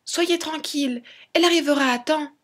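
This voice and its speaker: A woman voicing a tiny, clever, bold boy hero in a storybook reading, calling out in a high, eager voice. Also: a little fast, fairly bright tone.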